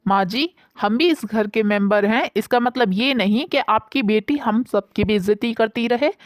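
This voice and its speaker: A woman voicing an indignant, sharp-tongued young daughter-in-law in a storybook tale. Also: fairly high pitch, normal speed, no room sound, clean studio sound, lightly acted. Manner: sulky, indignant.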